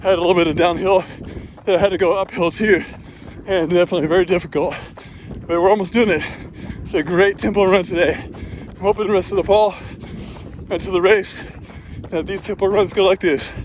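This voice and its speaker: A man's voice: sits high, steady tone, brisk, long pauses, a little hiss or hum. A man talking to camera in a casual vlog while running, out of breath, with an exerted, raised voice. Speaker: running vlogger.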